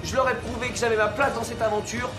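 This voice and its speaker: A man's voice: very high voice, flat delivery, quick pace. A man, a reality show contestant, casually commenting on his own part in a challenge. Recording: loud music behind the voice.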